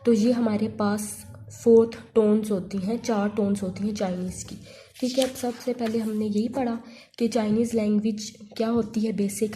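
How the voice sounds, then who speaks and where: A woman's voice: mid-range voice, dark tone, a little hiss or hum. A woman teaching an online language lesson, patiently repeating points and mixing in English terms. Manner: mixes Hindi-Urdu with English terms.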